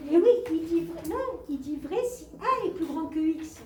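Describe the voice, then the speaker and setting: A woman's voice: extremely high pitch, lively intonation, moderate pace, darkish tone. A woman teaching a math class, explaining patiently, repeating points and asking the students questions. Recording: echoey classroom from far off.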